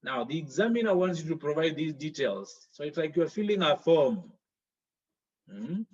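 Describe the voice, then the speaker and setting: A man's voice: on the high side, sing-song, moderate pace, slightly rough, highs cut off. A man teaching a French exam lesson, explaining each step with worked examples.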